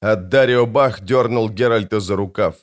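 A man narrating an adventure audiobook in an expressive, dramatic way. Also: lowish voice, moderate pace. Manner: expressive, lively storytelling.

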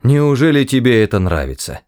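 A man voicing a quick-witted male alien hitchhiker for an audiobook, talking in a raised, quick, coaxing voice. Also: mid-range voice, sing-song, darkish tone, smooth, pitched above the performer's own voice, lightly acted. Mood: scheming.

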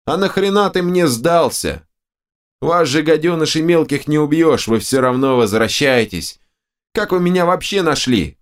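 Brief: shrill, creaky, quick-tempered ogre head, voiced by a man. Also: animated, close to an everyday voice. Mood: grumbling. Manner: snarling, cursing. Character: foul-mouthed screechy male ogre head.

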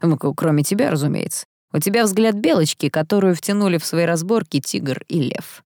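A woman reading a haughty young half-angel man from a storybook, flippant and mocking. The voice sits low with a dry, close sound. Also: animated, fairly quick, dark tone, no room sound.

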